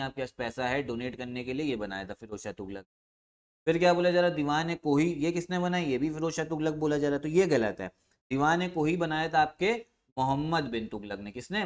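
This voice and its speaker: A man teaching an exam revision lesson who asks questions and answers them himself, repeating key terms and often clearing his throat. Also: fairly high pitch.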